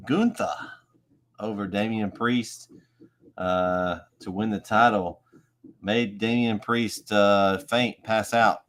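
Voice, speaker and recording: A man's voice: fairly low pitch, fairly bright tone. A man hosting a casual wrestling review show, easygoing and fond of homespun analogies. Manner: easygoing, uses homespun analogies, laughs along. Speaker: podcast host.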